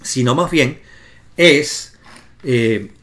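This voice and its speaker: A man's voice: medium pitch, lively intonation, drawn-out words, a bit bright. A man teaching a lesson on Hebrew grammar, explaining step by step and pointing out letters to his viewers. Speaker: Bible teacher.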